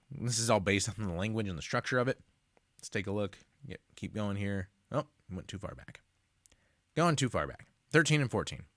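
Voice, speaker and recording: A man's voice: mid-range voice, a bit bright, no echo, clean studio sound. A man teaching a Bible study lesson, reading scripture aloud and commenting on it with emphasis.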